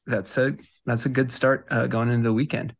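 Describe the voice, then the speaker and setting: A man's voice: mid-range voice, little pitch movement, fairly quick. A man co-hosting a casual sports podcast, easygoing and agreeable, with frequent ums. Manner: easygoing, agreeable, hesitant fillers. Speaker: podcast co-host.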